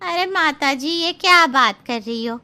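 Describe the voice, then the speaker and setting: A woman's voice: sits high, expressive, unhurried, pushed and bright, full character voice. A woman voicing a talkative housemaid in a cartoon who protests and praises her own work. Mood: protesting. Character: chatty self-praising housemaid.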